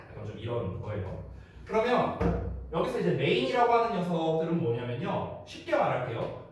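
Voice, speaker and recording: A male teacher is telling a story in the middle of a lesson, and his speaking voice sits a little high. He acts out the people in the story and swings his pitch up and down as he goes. He stands some way from the mic in a very echoey classroom, with faint noise behind him. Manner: lively, acts out quoted voices in a storytelling lecture. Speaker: English teacher. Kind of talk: lecture with storytelling. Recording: roomy echo, from a distance.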